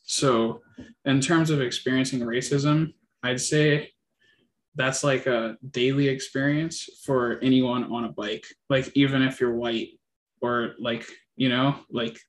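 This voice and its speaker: A man telling a personal story in a relaxed, hesitant way, with many fillers and restarts. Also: medium pitch. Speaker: interviewee. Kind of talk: casual personal account.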